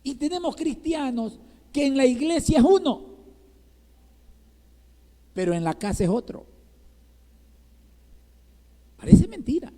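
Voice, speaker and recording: A man's voice: extremely high pitch, lively intonation, moderate pace, long pauses, warm tone. A male pastor from Ecuador preaching a sermon in Ecuadorian Spanish, asking the congregation rhetorical questions and checking with them again and again. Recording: reverberant church hall.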